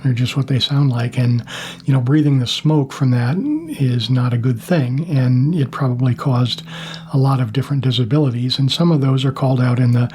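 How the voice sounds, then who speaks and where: An older American man with a husky voice, talking to viewers as a host in a plain-spoken, casual monologue with measured pauses. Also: mid-range voice, steady tone, mellow, a little hiss or hum. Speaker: YouTube host, former Marine.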